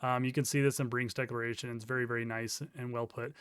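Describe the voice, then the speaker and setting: A man's voice: mid-range voice, level tone, quick pace, fairly bright tone, smooth, no echo, clean studio sound. A man giving casual commentary while reading court documents aloud, with sarcastic, incredulous asides. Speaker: crypto news commentator.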